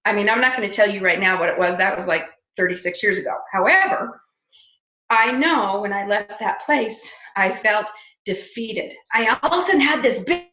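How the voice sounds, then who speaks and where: A woman in her fifties with a bright, forceful voice tells a personal story and acts out each quoted line. Her voice sits a little high, and the recording is dull and lo-fi in an echoey room. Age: 50s. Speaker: speaker on a business opportunity call.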